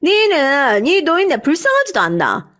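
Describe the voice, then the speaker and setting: A woman voicing a bossy older mother-in-law who speaks with a Gyeongsang accent and talks loudly and whinily. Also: a little high, big pitch swings, unhurried. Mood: scolding. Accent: Gyeongsang dialect. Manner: bossy, loud and whiny.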